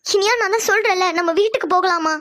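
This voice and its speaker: A woman's voice: very high-pitched, quick pace, a bit bright. A woman voicing an anxious middle-aged mother in a cartoon who hurries her daughters home. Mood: urging. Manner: pleading, insistent. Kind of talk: cartoon voice acting.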